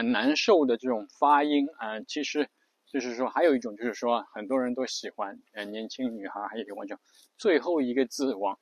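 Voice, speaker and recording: A man casually explaining a speech habit, rambling with many fillers and stopping to demonstrate creaky, drawn-out word endings. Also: mid-range voice, dry recording.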